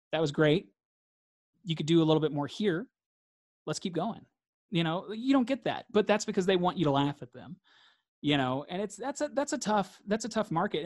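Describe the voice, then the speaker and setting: A man's voice: sits high, darkish tone, dry recording, clean studio sound. Earnest man repeating phrases for emphasis. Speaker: interview guest. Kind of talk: reflective conversational interview.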